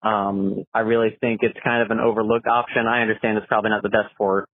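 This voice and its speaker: A man's voice: on the low side, flat delivery, fast, no room sound. American man leaving a phone-line voicemail. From Florida, USA. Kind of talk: rambling casual voicemail message.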